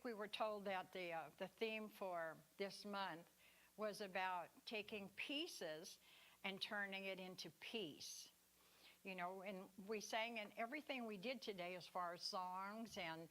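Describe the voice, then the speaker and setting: Woman, 60s, sermon speaker; animated, conversational, playful. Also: mid-range voice. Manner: chatty and animated, playful asides. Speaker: speaker at a spiritual center. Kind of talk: sermon talk.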